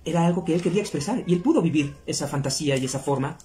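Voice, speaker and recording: A middle-aged video host explains things casually to his viewers in a mellow, slightly high voice, talking rapid-fire. Background noise is clearly audible.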